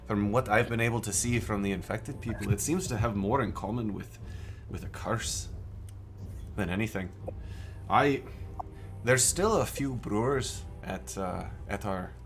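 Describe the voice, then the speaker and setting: Give me a man with a low voice, improvising as game master in a halting, hesitant way. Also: soft background music. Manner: halting, many restarts and fillers. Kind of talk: improvised character and game narration. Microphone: remote call microphone.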